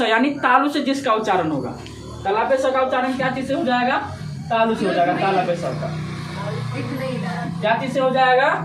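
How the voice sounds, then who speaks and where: A male teacher walks through a grammar lesson, posing a question and then giving the answer himself, over and over. His voice bounces around an echoey room with faint background noise. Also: extremely high pitch. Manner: asks questions and answers them himself, repetitive. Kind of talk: classroom-style Hindi grammar lesson.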